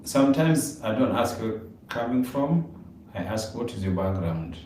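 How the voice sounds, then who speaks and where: This live stream co-host has a mid-range, sing-song voice with a darkish tone and a moderate pace. He talks casually, rambling and repeating himself in non-native grammar. The room echoes, the mic sits far away, and there's a faint hiss underneath.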